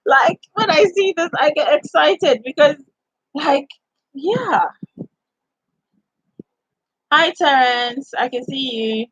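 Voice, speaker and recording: A woman's voice: high-pitched, animated, slow pace, long pauses, fairly bright tone, no room sound, poor audio. A woman from Ghana with a Ghanaian accent hosts a casual live-stream chat, answering viewers in a chatty, inviting way and filling her talk with "like" and "you know.".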